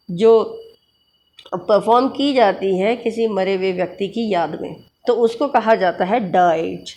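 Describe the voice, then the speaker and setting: Give me a woman teacher, speaking slowly, who reads exam questions in English and explains them in Hindi. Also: medium pitch, darkish tone. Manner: spells out terms letter by letter. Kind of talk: exam-prep lecture mixing Hindi and English.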